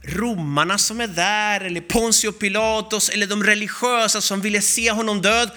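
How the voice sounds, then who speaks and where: A man preaching a sermon, telling a story with animated, acted-out voices. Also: high voice.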